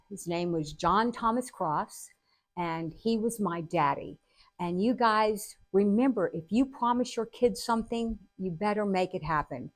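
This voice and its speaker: A woman vlogging, telling family stories to camera in a chatty, earnest way and laughing often. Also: medium pitch. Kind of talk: casual storytelling to camera.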